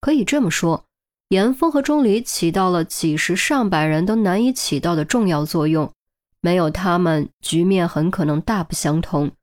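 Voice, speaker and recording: A woman narrating a crime novel as an audiobook, in steady, clear storytelling. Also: on the low side, normal speed.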